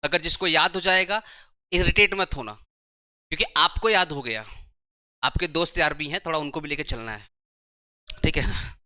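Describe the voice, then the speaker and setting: Male tutor, brisk, repeats terms, dry close sound. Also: on the high side, sharp tone, dry recording. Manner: brisk, urges students to write fast, repeats terms. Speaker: commerce tutor. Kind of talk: classroom lecture. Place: coaching classroom.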